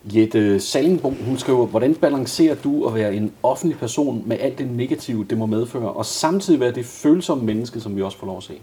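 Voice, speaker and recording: Male interviewer, calm reader of viewer questions, dark mellow tone. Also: medium pitch, few pauses.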